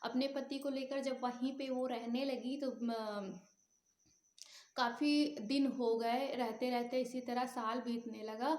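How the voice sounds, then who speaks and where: A woman with a high voice telling a devotional fast tale in an emotive, unhurried way, pausing now and then on fillers. Her voice echoes in a roomy space. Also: steady tone, a little mellow. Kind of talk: devotional storytelling. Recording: roomy echo.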